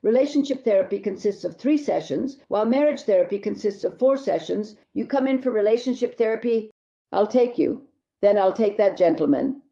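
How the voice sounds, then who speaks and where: A woman's voice: lowish voice, vocal fry, dark tone, highs cut off. A woman marriage therapist answering viewer questions, giving blunt, emphatic advice and speaking straight to the listener.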